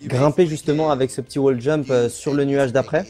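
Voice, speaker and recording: A man's voice: medium pitch, steady tone, a little fast, dark tone. A man giving casual live commentary on a speedrun, often hunting for words mid-sentence. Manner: casual, hesitant, searches for words.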